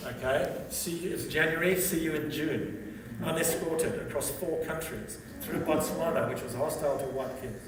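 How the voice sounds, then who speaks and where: A man in his 60s from Zambia, Bemba his first language, gives a storytelling testimony at a seminar in a slightly high voice, at normal speed with few pauses. He keeps it conversational, often restarting and checking in with "okay?" The sound is distant and echoey, recorded in a large hall with background noise.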